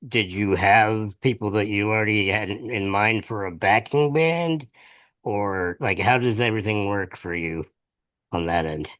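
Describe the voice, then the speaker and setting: A man hosting an interview, talking in a relaxed, hesitant way with many ums. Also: fairly low pitch, unhurried, no echo. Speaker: podcast host. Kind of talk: casual interview. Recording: dull dry lo-fi sound.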